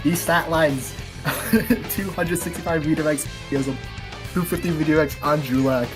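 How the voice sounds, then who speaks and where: A woman casting an esports match live, excitable and animated, often laughing between plays. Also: deep voice, moderate pace, over music. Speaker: esports caster. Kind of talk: live play-by-play commentary.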